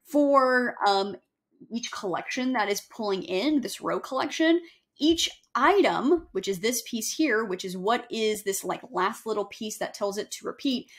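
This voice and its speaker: Young woman walking thru a software tutorial, kinda high voice, chatty, lots of ums. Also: measured pace. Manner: casual, chatty, self-correcting with fillers. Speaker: email marketing instructor. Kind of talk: screen-share software tutorial. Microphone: webcam overlay on screen recording.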